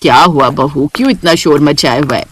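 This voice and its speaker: A woman's voice: a little fast, breathy edge, dry recording. Woman doing a stern older mother-in-law. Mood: annoyed. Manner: low, commanding and dismissive.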